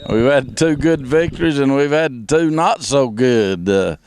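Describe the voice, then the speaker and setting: A man, a high school football coach, answering interview questions in a measured, plain-spoken way. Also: darkish tone.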